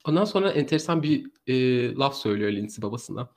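A man co-hosting a casual true crime podcast, telling the story in an animated way and laughing often. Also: medium pitch, quick pace.

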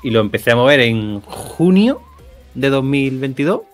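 A man of about forty with a Cádiz accent, speaking as an interview guest. He rambles in a relaxed way and corrects himself mid-sentence. Faint music hums behind him on an online call. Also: mid-range voice, moderate pace. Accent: Andalusian, Cádiz. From Cádiz, Spain. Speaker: guest, animator. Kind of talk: casual interview answers. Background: faint background music.

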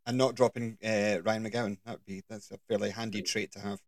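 A man's voice: lowish voice, little pitch movement, a little fast, no echo. Jokey man hosting, dry sound. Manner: jokey, bantering presenter. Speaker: podcast host. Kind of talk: casual football chat.

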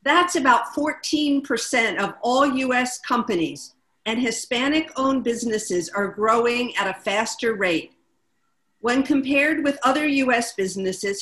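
A woman co-hosting a talk show, introducing a guest and reading prepared figures in a measured way. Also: a little high, fairly bright tone, reverberant, rough recording. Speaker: co-host.

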